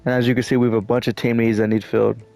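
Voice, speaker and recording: A young man commenting on his own football game session, talking in an ordinary mid-range voice. He swears freely and jumps from flat play-by-play to loud, high-pitched outbursts when a play goes wrong. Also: very fast, creaky, dry recording, faint music behind. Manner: frustrated, profane, swings into shouting. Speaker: gaming YouTuber. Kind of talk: gameplay commentary.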